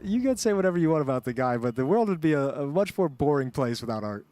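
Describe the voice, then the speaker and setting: Fairly high-pitched man, esports co-caster. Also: very animated, fast, a little mellow. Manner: conversational, opinionated. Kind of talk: live esports commentary, conversational tactical analysis and banter.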